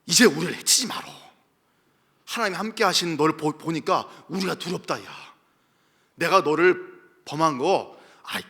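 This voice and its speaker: A man voicing a frightened ancient Philistine king and his herdsmen, pleading and wheedling in a hushed voice. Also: high voice, in a large hall, full character voice. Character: fearful Philistine king and herdsmen, men, begging.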